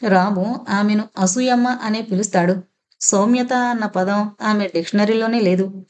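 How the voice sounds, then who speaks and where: A woman reading an audio novel aloud in steady, scripted storytelling narration. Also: medium pitch.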